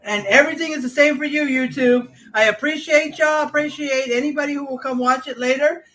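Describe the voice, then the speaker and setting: Speaking a little fast in a high, fairly bright voice, a home cook runs a livestream from her kitchen, chatting informally right to the people watching. The sound is roomy and slightly distant, carrying a faint hiss.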